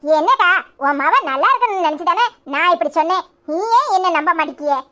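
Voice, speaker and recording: Woman voicing a shrill scheming gossip. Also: lively intonation, a little fast, bright, forceful tone, heavily acted. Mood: wheedling. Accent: Tirunelveli Tamil. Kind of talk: cartoon serial voice acting.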